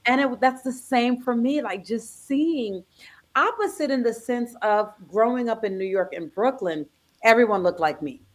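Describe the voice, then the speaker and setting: A woman's voice: fairly high pitch, expressive, normal speed. An American woman hosting a podcast interview, chatty and enthusiastic as she asks questions. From United States. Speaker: podcast host.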